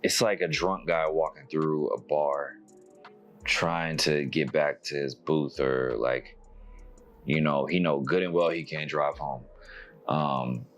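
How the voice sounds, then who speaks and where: A man's voice: a bass voice, takes it slowly, dull audio, faint music behind. A man casually reviewing an album, rambling and laughing as he talks. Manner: rambling, laughing, animated voices when quoting. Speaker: music reviewer.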